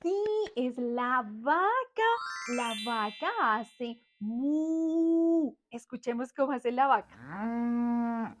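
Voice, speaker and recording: A young woman with a high voice leads a cheerful lesson for small children. She speaks slowly and in an exaggerated sing-song, stretching her words and sometimes imitating animal sounds. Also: lively intonation, a bit bright, soft background music. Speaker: children's teacher.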